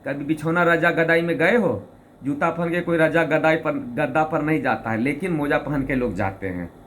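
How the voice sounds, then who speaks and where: A man's voice: on the high side, normal speed, a bit bright, slight background noise. A man telling a funny personal story and explaining his own comic poem. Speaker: storyteller and poet. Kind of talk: anecdote and recited humorous poem.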